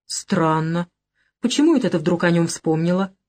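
Woman doing a male gangster boss, brash, mocking, short-tempered, lively pitch. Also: moderate pace, close to an everyday voice. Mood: calm, smug. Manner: brash, mocking, flares into shouting.

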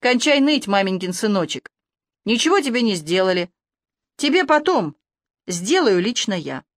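A woman's voice: mid-range voice, sing-song, normal speed, dry recording, clean studio sound, natural voice. A woman voicing a furious, domineering middle-aged man who scolds and bosses his nephew in an audiobook. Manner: shouting, bossy, scornful.

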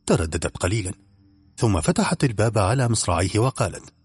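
A male narrator reads a story with animated, rising-and-falling delivery. His low voice has a husky edge and sounds close and dry, with faint music underneath. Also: fast, no room sound. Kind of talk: audiobook narration.

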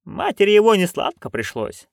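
A chatty old witch woman full of gossip, as a male narrator puts her on, talking high and fussy with a lot of lift and fall. The voice has a slight creak to it and sits close and dry, like a storybook reading. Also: very animated, normal speed, no echo, exaggerated voice. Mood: gossipy.

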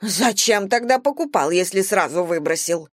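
A woman's voice: medium pitch, animated, moderate pace, no room sound, clean studio sound, lightly acted. A woman reading an indignant market trader. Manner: indignant, insistent.

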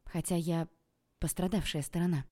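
A woman reading a first-person novel aloud in a wry, expressive way. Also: on the low side, normal speed. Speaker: audiobook narrator.

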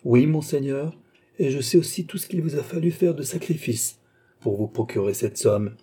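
A man reading a cold, composed count who calmly demands repayment, keeping a polite but unyielding manner. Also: medium pitch, normal speed, breathy edge, voice pushed up, lightly acted. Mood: cool. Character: icy, composed male count and sorcerer-creditor.

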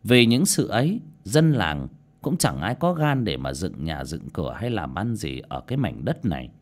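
A man narrating a ghost story as an audiobook storyteller, expressive and lively. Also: deep voice, normal speed.

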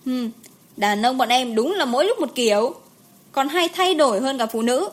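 A woman voicing a sulky, quick-tempered young mother in an audiobook, with a sharp, irritable way of talking. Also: sits high, lively intonation. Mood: irritated.

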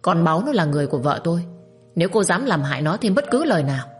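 Woman plays stern young master; clipped, contemptuous, fast. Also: lowish voice, expressive, faint music behind, lightly acted. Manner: curt, contemptuous.

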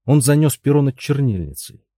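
A man narrating a story in a measured reading style, close to the mic. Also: mid-range voice, lively intonation, mellow, dry recording. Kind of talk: audiobook narration.

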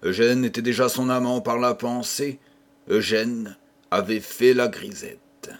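A man narrating a classic story in a steady storytelling reading. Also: medium pitch, unhurried. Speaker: audiobook reader.

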